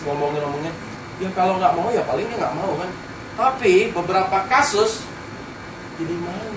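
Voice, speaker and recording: A man giving a motivational business seminar talk in a casual way, often asking the audience rhetorical questions. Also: high voice. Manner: colloquial, keeps quizzing the audience with rhetorical questions. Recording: roomy hall, distant mic, background noise.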